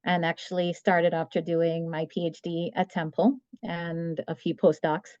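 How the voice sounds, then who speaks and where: A woman in her forties from Trinidad and Tobago, giving a measured, explanatory webinar talk as guest speaker over a video call. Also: fairly low pitch, flat delivery, darkish tone, dry recording, highs cut off. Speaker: guest speaker, medical writer. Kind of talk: webinar presentation.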